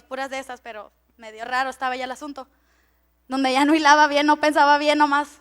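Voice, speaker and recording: High-voiced woman pastor preaching. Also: fairly bright tone. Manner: chatty, laughs often, stumbles over words. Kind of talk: sermon with personal story.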